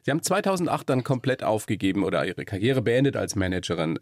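A man's voice: on the low side, sing-song, fast, no room sound, clean studio sound. A man interviewing his guest, asking curious, playful questions. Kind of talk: casual interview.

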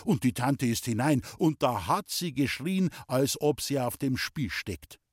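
A man's voice: medium pitch, lively intonation, unhurried, dry recording, studio quality. A man narrating a story in the first person with a playful, boyish manner and a light tinge. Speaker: audiobook reader.

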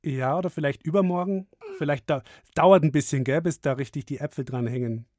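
A woman's voice: deep voice, fairly quick, darkish tone, no room sound, studio quality. A woman hosting a children's radio call-in show, chatting encouragingly with young callers.

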